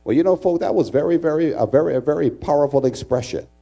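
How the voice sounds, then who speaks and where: A man's voice: on the high side, fast talker, creaky, dark tone. A middle-aged man preaching a sermon in church, dramatic and joking with his congregation. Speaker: pastor. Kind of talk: sermon with humorous storytelling. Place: church sanctuary.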